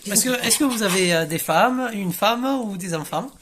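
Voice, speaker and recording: A woman's voice: medium pitch, animated, moderate pace, fairly bright tone, close to an everyday voice. A woman playing a TV street reporter in an amateur comedy sketch, stumbling through questions with many fillers. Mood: interviewing. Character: TV street reporter with a southern accent.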